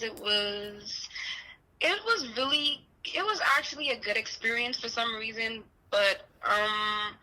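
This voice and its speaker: A woman from the Bahamas, a guest in a remote interview, telling her own story softly with many restarts and "you know". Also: mid-range voice, low-quality recording.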